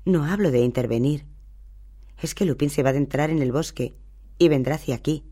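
A brooding, determined teenage schoolboy, played by a man reading a storybook. He talks low and firmly, with a dark, mellow tone. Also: a little fast, natural voice.

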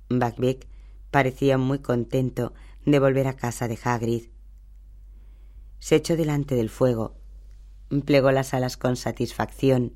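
Man, audiobook narrator, steady scripted reading, dark mellow voice. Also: mid-range voice.

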